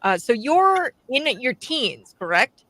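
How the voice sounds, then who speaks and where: A woman's voice: fairly high pitch, very animated, slow, sharp tone, rough recording. A woman in her twenties hosting a radio talk show, chatting casually and laughing between her points. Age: 20s.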